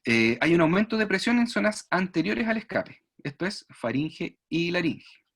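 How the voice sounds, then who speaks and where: A man's voice: sits high, big pitch swings, moderate pace, gravelly, fairly bright tone, husky. A man giving an online speech therapy lecture, explaining patiently, demonstrating sounds and checking "¿ya?" often. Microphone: video call.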